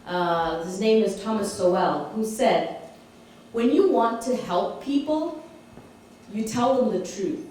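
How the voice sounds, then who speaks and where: A woman's voice: mid-range voice, slow, a little mellow, recorded from a distance, a little hiss or hum. Woman author speaking in an echoey hall. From Malawi. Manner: engaging, asks audience questions, laughs often. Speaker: author giving a talk. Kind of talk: public author talk. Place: community hall. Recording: echoey hall recorded from afar.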